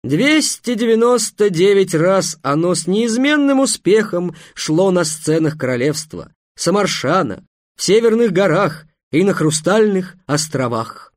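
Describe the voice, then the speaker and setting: Guy doing a puffed-up troupe showman, loud and slow, hammy announcing voice. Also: sits high, sing-song, dry recording, studio quality, voice pushed up. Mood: grandiose. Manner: grand, solemn announcing. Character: sweaty pompous male troupe showman.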